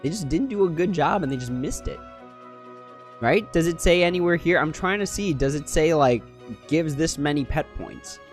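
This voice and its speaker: A man's voice: a little high, lively intonation, moderate pace, soft background music. A man streaming live over a headset mic, breaking down game stats in a critical, think-aloud manner. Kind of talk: casual livestream commentary.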